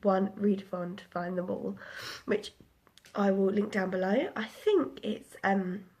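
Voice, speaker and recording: A book vlogger in her twenties, a little bunged up, chats casually about books she has read, rambling with plenty of ums. Her medium-pitched voice is steady, measured and a little mellow, and the recording's highs are cut off.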